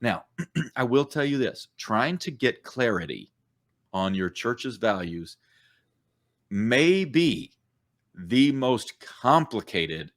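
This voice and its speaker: A middle-aged church coach co-hosting a church podcast talks slowly in a very animated, mid-range voice. His casual podcast chat is thoughtful and explanatory, walking through ideas conversationally with many fillers.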